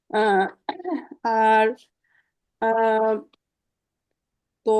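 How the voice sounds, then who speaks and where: A woman's voice: on the high side, warm tone. A woman teaching German in an online class over a video call, explaining patiently step by step with many fillers.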